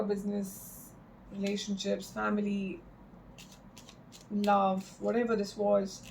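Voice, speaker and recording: Creaky-voiced woman giving a mystical tarot reading. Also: a little high, slight background noise, rough recording. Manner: halting, reflective, with repeated phrases for emphasis. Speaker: tarot card reader.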